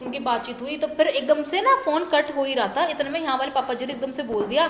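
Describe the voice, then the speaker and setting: A young woman telling a personal story as a guest in a casual interview, animated and laughing as she goes. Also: high voice, fast talker. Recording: echoey room with faint background noise.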